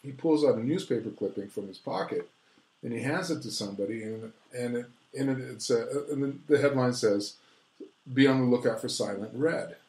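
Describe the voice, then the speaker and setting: A man's voice: mid-range voice, normal speed, darkish tone. A man, an author and guest, talks over his subject in a casual interview, lecturing with lots of restarts. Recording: roomy echo.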